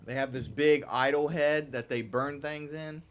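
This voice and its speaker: A man's voice: on the high side, fairly even intonation, a little slow, fairly bright tone, slight background noise. A man co-hosting a live podcast in loose, casual chat, rambling and joking as he reads things aloud. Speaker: podcast co-host. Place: live-streamed podcast at home.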